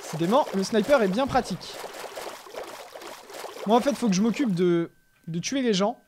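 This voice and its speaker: A man giving live gameplay commentary as a gaming YouTuber, chatting steadily and breaking into shouts and yelps during fights. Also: high voice, lively intonation, normal speed, a little hiss or hum.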